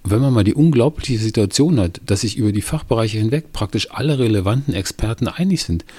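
A man's voice: on the low side, lively intonation, fast, mellow, breathy edge, dry recording, pitched above the performer's own voice. A man doing a patient, reasoning neighbor. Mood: ironic. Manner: patient, explaining, mildly ironic. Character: calm, reasoning middle-aged male neighbor.

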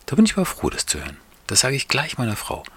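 Exasperated everyday husband, animated and a little naive, breathy low voice, acted by a man. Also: brisk, no echo, full character voice. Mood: complaining. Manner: complaining, animated, a bit naive.

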